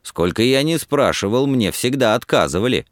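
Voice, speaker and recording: A male reader voicing a jovial, talkative student who exclaims warmly in an audiobook. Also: mid-range voice, animated, moderate pace, no echo, studio quality, voice pushed up, lightly acted. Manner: exclaiming, warm.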